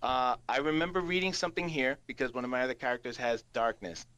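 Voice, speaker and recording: A man improvising narration as game master of a tabletop game, halting and thinking aloud as he goes. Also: medium pitch, steady tone, a bit bright, clean tone. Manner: hesitant, halting, piecing rules together aloud.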